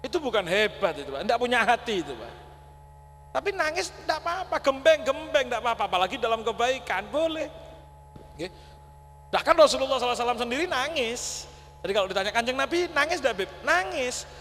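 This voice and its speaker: A man's voice: extremely high pitch, sing-song, fast talker, a bit bright. A man gives a folksy sermon in a large mosque. He keeps addressing the listeners directly and mixes in words. The voice carries a long hall reverb over a faint hum. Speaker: preacher.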